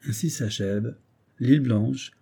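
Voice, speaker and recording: A man reading a classic story aloud in a measured, literary way. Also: mid-range voice, gravelly, mellow, breathy edge. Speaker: audiobook reader. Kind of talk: scripted narration of a classic story.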